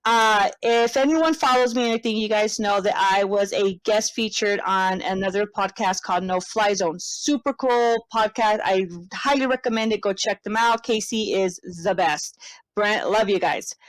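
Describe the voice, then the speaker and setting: A woman's voice: mid-range voice, moderate pace, dry recording, low-quality recording. A woman in her thirties co-hosting a podcast, chatting casually over a headset, laughing often and swearing freely. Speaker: podcast co-host.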